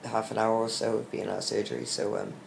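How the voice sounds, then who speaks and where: A young British man speaks in a low, creaky voice, weak and worn out after surgery. His casual video diary comes out halting and subdued, on short breaths. The room around him sounds echoey. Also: sing-song. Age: young adult. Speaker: vlogger giving a recovery update. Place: small hospital room, lying in bed. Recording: roomy echo with faint background hiss.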